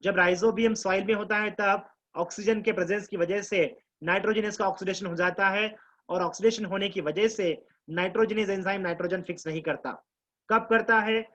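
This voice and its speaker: A man teaching biology to exam students, mixing Hindi with Indian English, explaining slowly, repeating key terms and quizzing his class. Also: sits high, steady tone, fairly bright tone, low-quality recording. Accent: Indian English mixed with Hindi. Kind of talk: live online class lecture.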